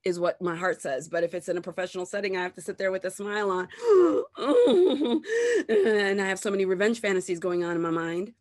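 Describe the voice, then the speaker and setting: A woman's voice: on the low side, fast, hardly any pauses. Candid, swearing woman ranting to camera. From grew up partly in the United States. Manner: candid and animated, swears freely; acts out other people's remarks in exaggerated voices. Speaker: host of a self-help channel. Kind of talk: casual unscripted rant to camera.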